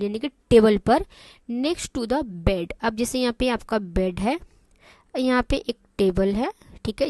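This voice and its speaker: A woman teaching English phrases in a lesson, speaking slowly and deliberately, repeating each phrase and translating it, often checking in with her students. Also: on the high side, darkish tone, no room sound. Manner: slow, deliberate explanations, drawing out English phrases word by word.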